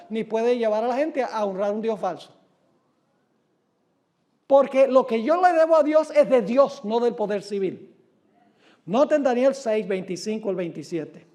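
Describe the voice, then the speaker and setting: A man preaching a sermon who reads scripture aloud with dramatic, drawn-out emphasis and asks his listeners rhetorical questions. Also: very high voice, dark tone.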